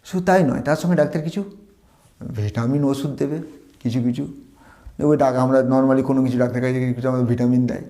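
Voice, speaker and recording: A man teaching English pronunciation, repeating words slowly and carefully as he explains. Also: medium pitch, fairly even intonation, dark tone. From Bengal. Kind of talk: teaching lesson.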